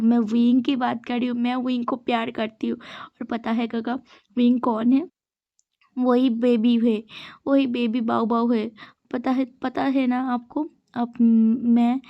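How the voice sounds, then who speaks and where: A woman's voice: a little high, flat delivery, a little slow, no echo, highs cut off. A woman voicing a young man who pines for a lost love, pleading in a weepy way, in a fan-made story retelling. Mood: distressed.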